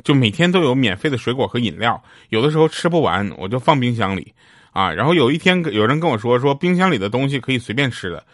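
A comedic storyteller with a mid-range, very animated voice rattles off short funny anecdotes at a quick, chatty pace, often laughing at his own punchlines. The monologue is recorded at studio quality with no echo.

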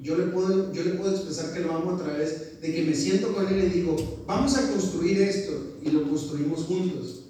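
A man's voice: on the high side, normal speed, mellow. A man, a youth pastor preaching a sermon and telling personal stories, acting out the voices of people in them. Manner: storytelling, acts out quoted voices. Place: church hall. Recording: echoey room from far off, faint noise.

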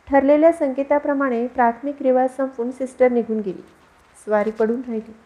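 A woman narrating a short story aloud in a measured, expressive storytelling manner. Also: high-pitched. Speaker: audiobook narrator. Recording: dull lo-fi recording.

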